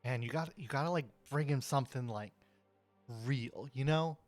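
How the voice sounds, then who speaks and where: A man's voice: mid-range voice, normal speed, soft background music. A man voicing a crude, laid-back henchman in a tabletop game, drawling and cursing casually. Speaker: game master.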